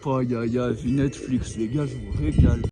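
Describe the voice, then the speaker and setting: A man's voice: mid-range voice, fairly even intonation, normal speed, music in the background. A man vlogging casually outdoors, joking and swearing in loose slang as he talks to the camera. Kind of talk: casual outdoor vlog chat. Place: outdoors on a mountainside.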